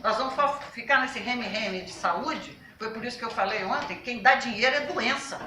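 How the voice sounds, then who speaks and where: A woman on a national health council gives an emphatic talk to a workshop, asking rhetorical questions and speaking loudly. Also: fairly high pitch, moderate pace, background noise. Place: workshop meeting room. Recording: roomy, from a distance.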